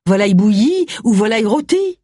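A crude old village witch who scolds her daughter in a gruff voice, as a woman reader puts her on. Her voice is husky and swings widely in pitch. It sounds close and dry, straight from an audiobook. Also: big pitch swings, fairly quick, warm tone, dry recording. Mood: scolding.

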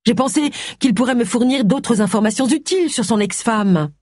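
Personnage de livre audio : un lecteur jouant une femme de cinquante ans tendue, intonation très mobile. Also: female voice, fairly high pitch, lively intonation, moderate pace, a little mellow, no room sound, clean studio sound, voice pushed up. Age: 50s. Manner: tense, emotional outbursts. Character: femme détective cinquantenaire, nerveuse et vive. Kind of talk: audiobook character voice.

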